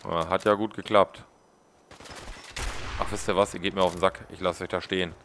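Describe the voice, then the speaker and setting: A man's voice: low-pitched, little pitch movement, moderate pace, fairly bright tone, slight background noise. A man giving casual gameplay commentary as a let's play host, joking and mocking the characters on screen.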